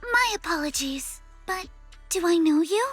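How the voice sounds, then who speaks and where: Anime game plucky rich girl: very high, animated, prim, proud and earnest. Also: measured pace, faint music behind. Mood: polite.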